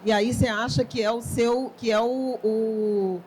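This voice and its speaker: A woman's voice: on the high side, steady tone, a little slow, a little mellow, a little hiss or hum. A woman with a Brazilian Portuguese accent interviewing a writer on stage in a conversational manner, sharing her own stories between questions.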